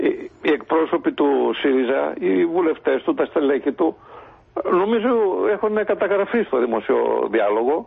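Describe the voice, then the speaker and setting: A man's voice: a little high, lively intonation, gravelly, husky. A man, a politician guest on a radio interview, arguing his point insistently with many hesitations. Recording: phone-line call-in.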